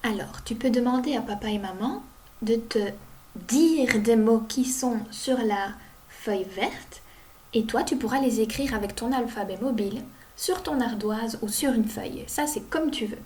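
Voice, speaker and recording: A woman teaching young children to read, sounding out each word slowly and clearly. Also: a little high, darkish tone, slight background noise. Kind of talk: reading lesson for young children.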